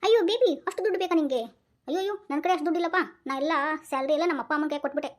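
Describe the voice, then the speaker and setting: A woman's voice: high-pitched, expressive, rapid-fire. A woman doing a whiny, meek cartoon husband. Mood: whining. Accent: North Karnataka Kannada. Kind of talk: cartoon voice acting.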